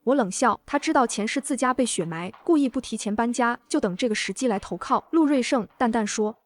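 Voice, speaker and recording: A woman plays a reborn young heroine telling her own story in a drama, cool-headed and set on revenge. Her voice sits a little high and stays calm and cold. It jumps higher and moves more when she talks to others. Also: fairly quick, natural voice. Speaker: first-person narrator and heroine. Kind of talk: dramatic audio narration.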